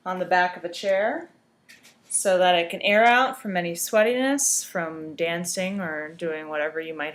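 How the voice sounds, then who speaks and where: A woman giving a casual how-to vlog in a hungover, sluggish, halting way, with dry tongue-in-cheek delivery. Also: medium pitch, fairly bright tone. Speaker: vlogger giving garment care tips. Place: indoors.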